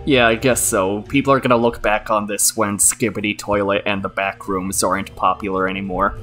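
Young man, casual let's-play host, laid-back, bright, slightly low. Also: level tone, a little fast, faint music behind. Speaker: gaming channel host.

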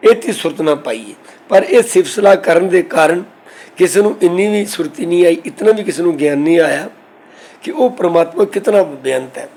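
Guy with a slightly high voice explaining scripture line by line, earnest, slows down for the verses. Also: a little mellow, rough recording. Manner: recites verses slowly, then explains in plain speech; earnest, instructive, corrects pronunciation. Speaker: scripture teacher.

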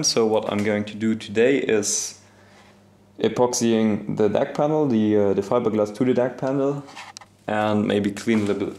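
A young man filming a casual workshop vlog in his home garage, talking in a relaxed, self-deprecating way with lots of fillers, recorded on an action camera. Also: on the low side, a little hiss or hum. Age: young adult. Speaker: hobby boatbuilder vlogger. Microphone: action camera on body or nearby.

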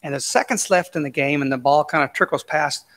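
Pastor, male, slightly high voice, relaxed storytelling sermon, long church reverb. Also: brisk. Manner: folksy, anecdotal storytelling with casual asides. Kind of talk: conversational sermon. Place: church sanctuary.

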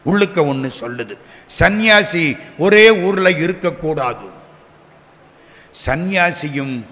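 A man tells a devotional story, asking the listeners questions and answering them himself. His voice sits a little high and he takes his time. A long hall reverb trails after each phrase. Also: a bit bright. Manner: acts out the dialogue of the figures in his stories. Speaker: devotional speaker.

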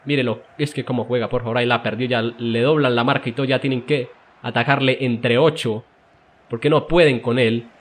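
A man doing excited, jokey play-by-play commentary over his own video game match, with emotional exclamations. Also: mid-range voice, fairly quick. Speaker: gaming commentator.

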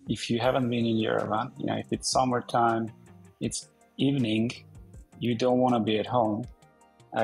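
A man in his forties from Armenia talks as a podcast guest over a video call, with a gravelly, husky voice. He speaks conversationally, with frequent fillers and restarts. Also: mid-range voice, darkish tone, rough recording. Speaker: podcast guest, company founder. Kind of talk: casual interview talk. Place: indoor room.

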